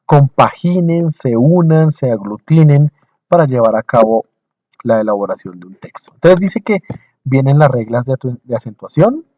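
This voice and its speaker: A male teacher giving a recorded lecture over slides, explaining in short, slow phrases, repeating points and checking in with his listeners. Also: medium pitch, animated, warm tone, muffled recording.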